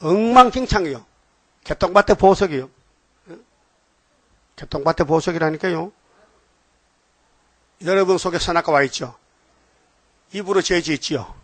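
A man's voice: sits high, expressive, normal speed, long pauses, a bit bright, dry recording. An older man preaching a sermon, emphatic and constantly prompting the congregation for a response. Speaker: pastor.

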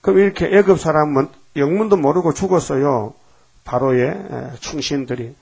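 A man's voice: a little high, moderate pace, vocal fry, a little mellow, slightly rough. A man preaching a sermon in a folksy, emphatic way, often putting rhetorical questions to the congregation.

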